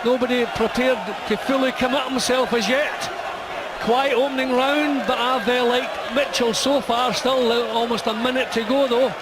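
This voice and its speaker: Very high-pitched male boxing co-commentator. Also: little pitch movement, moderate pace. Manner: raised, projected voice. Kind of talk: analytical live fight commentary. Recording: live arena broadcast, very loud crowd noise.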